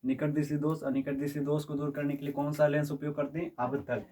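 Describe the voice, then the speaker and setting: Heard from a distance, a man with a fairly high, dark-toned voice teaches a physics class, talking fast in a flat delivery. He quizzes his students with repeated questions and keeps checking that they understand.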